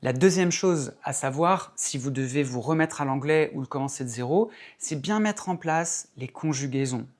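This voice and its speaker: A man teaching English in an explanatory video lesson, speaking in a measured way, stressing key words and demonstrating pronunciation examples. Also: fairly high pitch.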